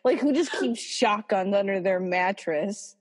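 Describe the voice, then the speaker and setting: A woman's voice: medium pitch, unhurried. Swearing woman in a reverberant room. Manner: swears freely, animated retelling with quoted voices. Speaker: podcast co-host. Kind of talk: casual chat.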